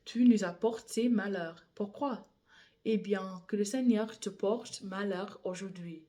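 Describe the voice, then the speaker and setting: A woman reading the part of a stern adult male leader who passes judgment, solemn and measured. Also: medium pitch, mellow, natural voice. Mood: condemning.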